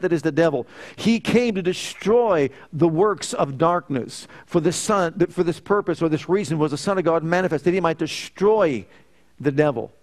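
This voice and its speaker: A middle-aged man preaching a sermon, emphatic, repeating phrases in threes and telling personal stories. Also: fairly high pitch. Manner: tells personal stories with quoted dialogue.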